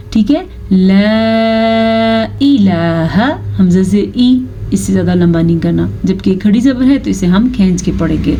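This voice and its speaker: Female tajweed teacher, warm low-key tone, chants slowly then explains briskly. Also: highs cut off, slight background noise. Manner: alternates slow drawn-out chanted recitation with brisk spoken explanation. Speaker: Quran recitation teacher. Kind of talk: tajweed lesson, explaining and demonstrating recitation.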